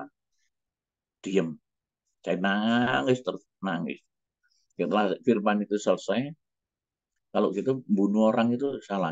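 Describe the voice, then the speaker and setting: Middle-aged pastor, very low voice, emotional testimony, muffled dry recording. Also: male voice, no room sound. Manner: emotional, halting, breaks off and restarts. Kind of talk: personal testimony.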